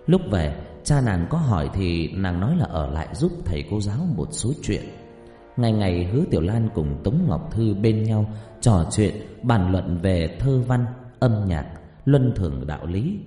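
Deep-voiced dramatic male storyteller. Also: moderate pace. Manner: expressive, dramatic reading. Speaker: narrator. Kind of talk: storytelling narration. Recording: echoey reverb, faint music behind.

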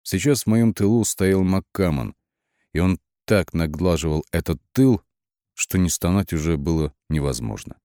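A man narrating an audiobook in the first person, with lively, wry storytelling and shifting emphasis. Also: sits low, normal speed, no echo, clean studio sound.

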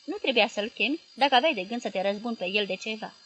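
A woman's voice: a little high, lively intonation, fairly bright tone, low-quality recording. A woman reading as an earnest, reproachful brother. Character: earnest young man, the brother.

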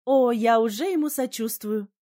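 A woman voicing a sly fire salamander, rather high. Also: normal speed, dark tone, lightly acted. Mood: reasoning.

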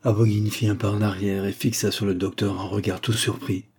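A man narrating a classic short story in a measured, literary reading. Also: fairly low pitch, little pitch movement, gravelly, a little mellow, slightly rough. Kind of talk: audiobook narration of classic fiction.

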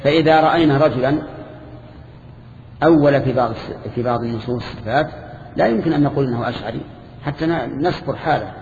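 An older man teaching a lesson to students, explaining a classical text in a measured way with restarts and questions to the class. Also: medium pitch, a little mellow. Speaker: teacher of Islamic creed. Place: lecture hall with students. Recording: echoey hall, dull lo-fi tape with faint hiss.

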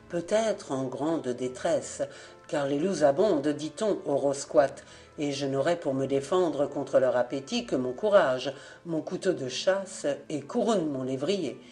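A woman voicing a young nobleman who speaks gently and courteously, low and unhurried. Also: faint music behind. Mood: courtly gentle. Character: young nobleman, soft-spoken, courtly and smooth.

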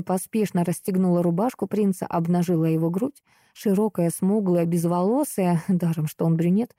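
A woman reading a first-person novel aloud, with expressive, wry storytelling. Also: lowish voice, dry recording, studio quality. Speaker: audiobook narrator.

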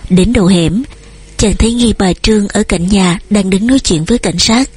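A woman narrating an audiobook novel in a steady storytelling manner. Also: mid-range voice, moderate pace, breathy edge.

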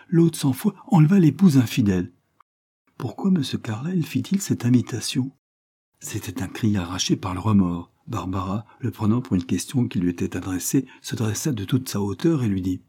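A man narrates a classic novel in a measured, dramatic storytelling manner. His voice sits low and sounds husky. The tone is dark and mellow. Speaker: audiobook narrator. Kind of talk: scripted narration.

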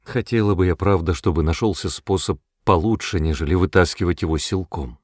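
A man reading an audiobook, voicing a calm, strong-willed mother who speaks quietly and firmly. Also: sits low, no room sound, clean studio sound. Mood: calm sad. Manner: quiet and measured, turning stern.

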